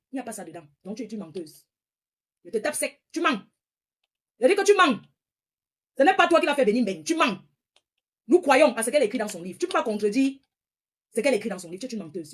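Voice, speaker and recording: A woman's voice: medium pitch, slightly rough. A woman in her forties from northern France, ranting confrontationally on a live stream and repeating her points. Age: 40s. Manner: confrontational, repetitive, scolding. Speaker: social media livestreamer. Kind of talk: heated live-stream rant.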